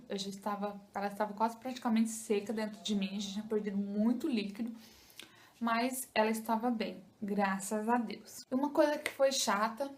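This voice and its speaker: A young Brazilian woman, a first-time mother, talking casually to her viewers in a chatty way. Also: a little high. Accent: Brazilian Portuguese. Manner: chatty, addresses viewers with "gente" and "tá?". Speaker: vlogger, new mother. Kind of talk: casual chat to camera.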